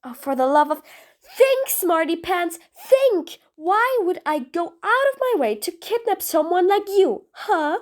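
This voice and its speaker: A woman's voice: very high voice, very animated, moderate pace, few pauses. A woman voicing a sarcastic, exasperated female supervillain in an audio role-play drama, taunting her prisoner with bossy nicknames. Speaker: voice actress.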